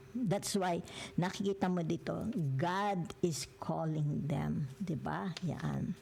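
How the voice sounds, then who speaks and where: An older woman reads tarot cards, switching between Tagalog and English and tagging almost every phrase with a little question. Her voice sits low and carries a gravelly rasp throughout. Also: darkish tone, a little hiss or hum. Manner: peppers every phrase with questioning tag words. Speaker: tarot reader.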